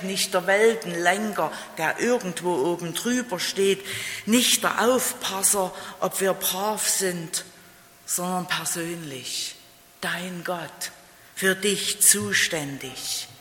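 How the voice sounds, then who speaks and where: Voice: medium pitch, slow pace, pushed and bright. A preacher giving a sermon, emphatic, repeating key phrases and asking rhetorical questions. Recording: roomy hall with long reverb.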